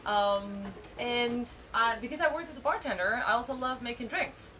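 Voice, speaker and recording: A woman from Chile in her thirties, working as a yacht chef, talking casually about her cooking with lots of fillers and pauses. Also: on the high side, lively intonation, a bit bright. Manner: friendly, hesitant, lots of fillers. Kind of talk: casual interview. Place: aboard a catamaran. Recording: noisy background with vehicle-like hum.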